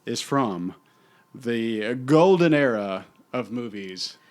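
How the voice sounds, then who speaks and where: A man's voice: mid-range voice, expressive, takes it slowly. Hammy middle-aged man podcast co-host. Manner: theatrical, hammy, mock-grand. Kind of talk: casual chat.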